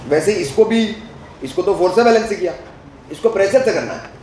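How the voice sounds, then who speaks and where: A man's voice: high-pitched, lively intonation, a little fast, a little mellow, roomy sound, a little hiss or hum, low-quality recording. A male physics teacher lecturing at a board, asking the class questions as he works through each step and mixing Hindi with English terms.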